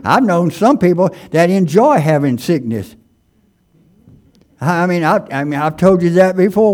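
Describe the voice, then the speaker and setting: Male preacher, slightly high-pitched, emphatic scripture reading, stammering delivery, questions the congregation. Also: a little mellow. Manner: stammering, with many restarts and fillers; reads scripture slowly and emphatically. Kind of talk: sermon.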